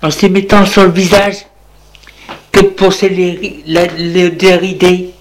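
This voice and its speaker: A man narrating a dramatic story in a deliberate, measured way. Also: high-pitched, flat delivery, slight background noise.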